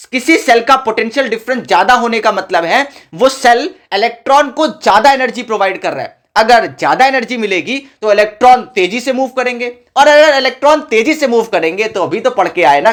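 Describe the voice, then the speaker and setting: A man with an extremely high, slightly bright voice gives a casual school physics lesson. He chats with his students as if they were friends, sprinkling English terms into his explanation.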